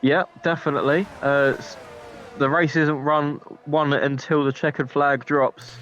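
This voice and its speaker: A man's voice: fairly high pitch, level tone, a little slow, fairly bright tone, highs cut off. A man co-commentating on motorsport, giving casual, opinionated analysis and conversational reactions to the race.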